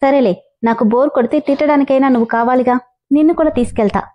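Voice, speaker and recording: A woman's voice: high voice, fast talker, lo-fi sound, close to an everyday voice. A woman voicing a bossy young boy who scolds but looks after a little girl, in a storybook reading. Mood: scolding.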